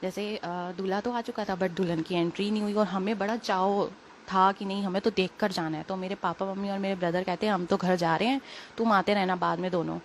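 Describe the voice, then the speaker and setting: Young woman rambling through a story, talks fast w lots of fillers, bit unwell, faint hiss behind. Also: medium pitch, fairly even intonation. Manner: chatty, rambling, quick with fillers. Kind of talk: casual spoken testimony.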